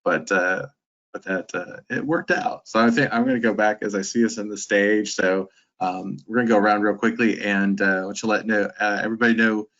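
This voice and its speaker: A man's voice: on the low side, steady tone, fairly quick, a bit bright. A man hosting a panel discussion, talking in a loose, rambling way with lots of fillers. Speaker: panel host. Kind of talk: casual panel moderation. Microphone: video call. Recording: dull video-call audio.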